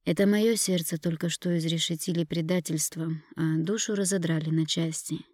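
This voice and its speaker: Low-voiced woman narrating an audiobook. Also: fairly even intonation, normal speed, no room sound, clean studio sound. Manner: emotional reading, rising to shouts in quarrels. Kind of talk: first-person audiobook narration.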